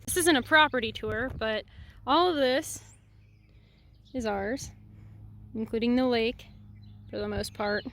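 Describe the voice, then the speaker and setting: A woman's voice: a little high, measured pace, long pauses, fairly bright tone. A young woman casually vlogging a tour of a family home, chatty and rambling with apologetic asides. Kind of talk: casual house tour vlog.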